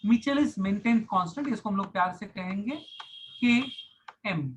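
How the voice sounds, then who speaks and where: This man's voice sits high and moves fairly quickly as he lectures an online science class, breaking ideas into steps and repeating important phrases. He blends English terms into his Hindi, and the poor recording carries a slight hiss or hum.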